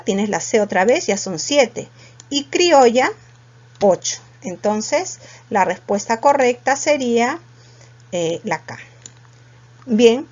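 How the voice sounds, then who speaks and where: A woman's voice: a little high, a little mellow. A woman, teaching a class and working through exam questions patiently, step by step, asking her students questions. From Peru. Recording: dull lo-fi sound.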